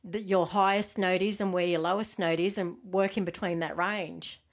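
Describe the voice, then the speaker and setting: A woman's voice: lowish voice, steady tone, moderate pace. A woman with an Australian accent hosting a casual interview, chatty and encouraging with her guest. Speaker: interview host, singer.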